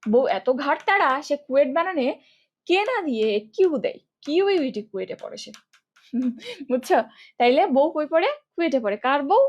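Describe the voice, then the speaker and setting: A woman's voice: high-pitched, expressive, a little fast. A young woman teaching an English spelling class in a chatty, playful way, quizzing students and using mnemonics.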